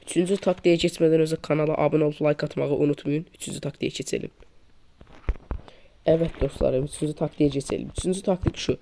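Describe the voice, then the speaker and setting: A man's voice: fairly even intonation, fast, vocal fry, background noise. A man giving a casual gameplay tutorial on a poor microphone, repeating and demonstrating each tip while calling his viewers friends. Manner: repetitive demonstrative instructions, addresses viewers as friends. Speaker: mobile shooter game tips creator. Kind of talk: casual gameplay tutorial over screen recording. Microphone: poor-quality microphone. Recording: low-quality mic with loud gunfire game sounds. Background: game gunfire and clicks.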